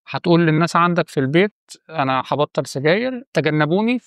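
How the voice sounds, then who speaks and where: Man, Egyptian Arabic accent, high voice, direct coaching talk. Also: fairly bright tone, no room sound, studio quality. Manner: direct, coaching, addresses viewer as you. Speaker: channel host giving quit-smoking advice. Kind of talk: casual advice monologue.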